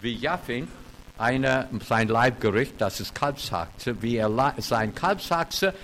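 A man in his seventies, a retired pastor, preaching a sermon in with grammar slips, with animated loud emphatic peaks and wry self-mocking humor. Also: mid-range voice, takes it slowly, a little hiss or hum, poor audio. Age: 70s. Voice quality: non-native German with grammar slips.

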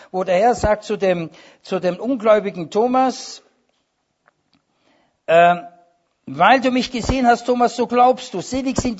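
A man's voice: high-pitched, slightly rough. A man preaching a sermon with emphasis, quoting scripture and dropping wry asides. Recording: dull lo-fi sermon recording.

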